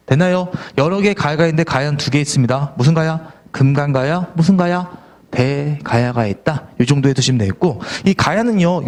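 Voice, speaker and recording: A tired middle-aged man lecturing on history for an exam course, his voice sitting a little high for a man. He keeps firing questions at the class and answering them himself, and his complaints are spoken close to the mic. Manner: tired, grumbling asides then quizzing questions. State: worn out. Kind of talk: online exam-prep lecture.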